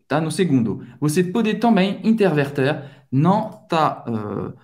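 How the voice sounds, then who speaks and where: A man's voice: a little high, very animated, darkish tone. A native French-speaking man with a French accent, hosting a language lesson and drawing out each word to demonstrate its pronunciation. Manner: slow, drawn-out pronunciation drills. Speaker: French teacher and channel host.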